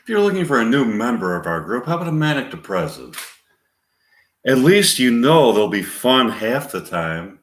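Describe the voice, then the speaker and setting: A man's voice: medium pitch, moderate pace, natural voice. A man voicing a gloomy patient who speaks without any expression at all. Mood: deadpan. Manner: flat, expressionless delivery. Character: deadpan gloomy male therapy patient. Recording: roomy echo.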